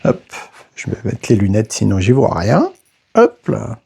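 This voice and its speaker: A man casually narrating a board game unboxing, hesitant and halting, filling pauses with little interjections as he handles each piece. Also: fairly low pitch, huge pitch swings, gravelly, dark tone, slightly rough. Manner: slow, hesitant, narrates each step with "voilà" and "hop".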